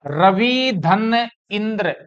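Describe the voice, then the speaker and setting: A middle-aged man with a high, animated, fairly bright and clean voice gives a Hindi grammar lecture in a classroom style, speaking extremely slowly. He explains step by step, asking questions and answering them himself. The recording sounds muffled.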